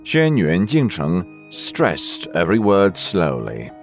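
Slow deep-voiced male storyteller. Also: faint music behind. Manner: slow, expressive reading. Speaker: narrator. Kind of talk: storytelling narration.

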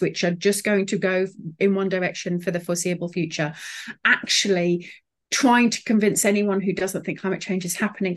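A woman speaking as an interview guest, articulate, with frequent fillers and restarts. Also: lowish voice. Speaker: sustainability consultant, guest. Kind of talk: interview conversation.

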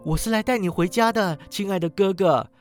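A man's voice: sits high, brisk, faint music behind, voice pushed up, natural voice. A man voicing a sweet little girl. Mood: eager tender. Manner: eager, tender pleading. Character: sweet little girl, loving younger sister. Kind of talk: storytelling narration.

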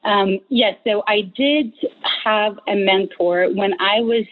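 A woman from Ukraine with a Ukrainian accent is a guest in a casual interview, animatedly telling stories and laughing often. Her voice is medium-pitched and slow, coming through a tinny, phone-like line with slight background noise.

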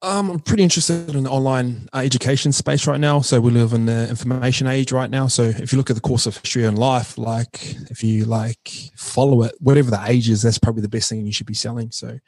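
A man's voice: medium pitch, fairly even intonation, fast, few pauses, darkish tone, no room sound. A man from New Zealand with a broad Kiwi accent, chatting casually and slangily as a podcast guest. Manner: slangy, informal, frequent "bro" and "man". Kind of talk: casual interview chat.

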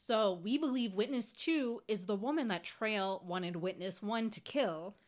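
A woman's voice: mid-range voice, measured pace. A woman hosting a podcast, casually recounting a criminal case with frequent "like" and wry asides. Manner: conversational, fillers like "like", wry asides. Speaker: podcast host. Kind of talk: true-crime podcast narration.

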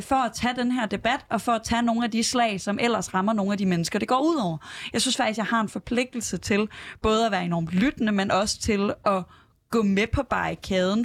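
A woman's voice: mid-range voice, vocal fry, dry recording. A woman speaking earnestly in a political panel debate, stumbling over repeated words as she builds her point. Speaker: debater and moderator.

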